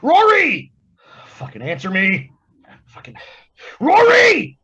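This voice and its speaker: A man plays a boyish imaginary friend, husky and breathy, bouncing all over his pitch as he talks. It is an online play reading heard through muffled, lo-fi video-call sound. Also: unhurried, heavily acted. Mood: frantic. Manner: lively, swings from playful to desperate. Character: boyish male imaginary friend, wild and playful. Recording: dull lo-fi video call audio.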